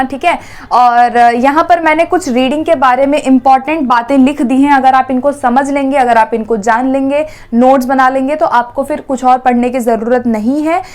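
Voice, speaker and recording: High-voiced woman teaching exam English. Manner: explains step by step, asks and answers her own questions; Hindi with English terms mixed in. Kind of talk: exam-prep lecture.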